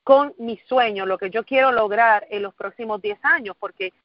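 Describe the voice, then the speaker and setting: In a dull, dry recording, a woman from Puerto Rico in her forties gives an earnest motivational presentation at a moderate pace. Her voice is a little high, and she often repeats words for emphasis while questioning the audience.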